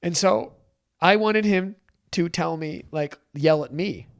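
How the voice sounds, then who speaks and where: A man's voice: fairly high pitch, slow. A man telling a personal story in a candid, emotional chat, with many restarts. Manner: animated, emotional, many restarts and acted quotes. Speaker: podcast guest.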